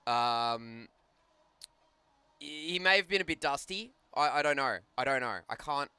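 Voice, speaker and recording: A man's voice: mid-range voice, animated, unhurried, pushed and bright, clean tone, no room sound. A man doing joking play-by-play commentary on a live hockey stream, bantering and laughing with his co-host. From Australia. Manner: chatty, banters and laughs often.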